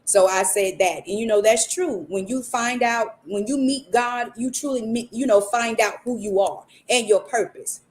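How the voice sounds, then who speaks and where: An earnest woman with a somewhat high voice, talking through a faith-based motivational message as a podcast host. She speaks like a preacher, circling back and repeating her points to drive them home. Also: normal speed, few pauses, darkish tone.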